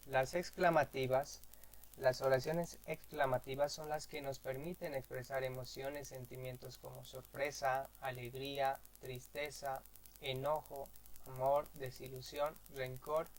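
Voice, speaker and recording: A man giving a grammar lesson, reading out definitions and example sentences slowly and deliberately. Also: medium pitch, little pitch movement, poor audio. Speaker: teacher.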